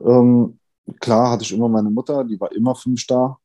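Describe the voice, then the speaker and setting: A man in his thirties, a podcast guest, talking candidly and thoughtfully with many pauses and fillers. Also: mid-range voice, flat delivery, dark tone. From Germany, Italian family. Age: 30s. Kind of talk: candid conversation.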